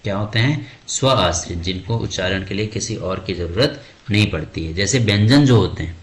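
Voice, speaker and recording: A man's voice: fairly low pitch, lively intonation, normal speed. A man teaching an exam-prep grammar lesson, asking the class questions and answering them himself, often calling the listener "bhai". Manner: addresses students as "bhai".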